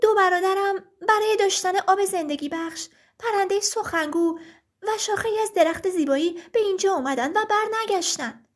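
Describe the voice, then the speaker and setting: A woman's voice: extremely high pitch, voice pushed up. A woman voicing a young girl who is worried but determined and speaks earnestly.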